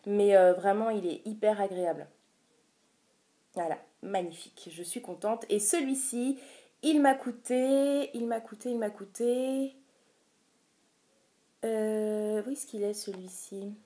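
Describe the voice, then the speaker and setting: A woman's voice: medium pitch, steady tone, slow, pauses often, mellow. A woman casually talking through a beauty haul vlog, chatty and hesitant, with many filler sounds. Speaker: beauty vlogger.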